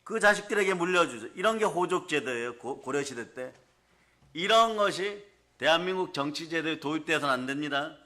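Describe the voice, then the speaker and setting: A male pastor preaching a sermon to his congregation in a church, often firing questions at them and telling animated stories. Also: a little high, fairly quick. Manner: keeps asking the congregation questions.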